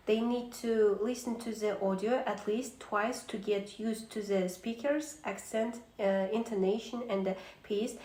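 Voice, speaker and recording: A woman reading a prepared talk on teaching, steady with a few filler pauses. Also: medium pitch, roomy sound, rough recording.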